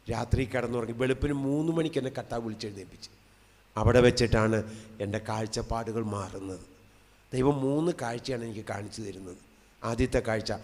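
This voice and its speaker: Man preaching a testimony in a big hall. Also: medium pitch. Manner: swings between loud emphatic cries and soft hushed asides. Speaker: lay preacher. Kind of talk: emotional testimony sermon. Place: large convention hall. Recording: long hall reverb.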